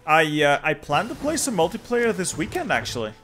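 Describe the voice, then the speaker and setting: Here the Flemish streamer, a young native Dutch speaker, sounds very animated, with a fairly high, fairly bright voice at a slightly fast clip. He still mutters to himself in a dry, offhand way as he plays a strategy game and chats with viewers. Background music is faint.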